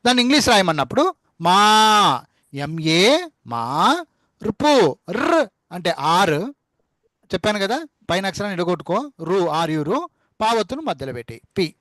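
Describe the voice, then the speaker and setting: A male teacher giving an online class lesson, repeating syllables slowly to drill spelling and fondly calling his students amma and nanna. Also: high voice, sing-song, pushed and bright, no echo. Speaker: spoken English teacher.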